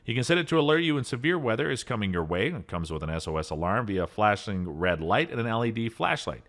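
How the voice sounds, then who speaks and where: This medium-pitched male narrator delivers a scripted rundown of emergency radios. He reads the spec lists steadily and lifts his tone whenever he hits a product name.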